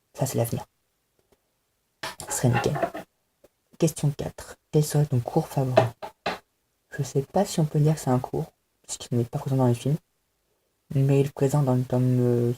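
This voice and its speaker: Heavy background noise sits under this mid-range male voice. It's a young vlogger at home doing a fan tag, talking casually to the camera in a hesitant, self-deprecating way full of filler words.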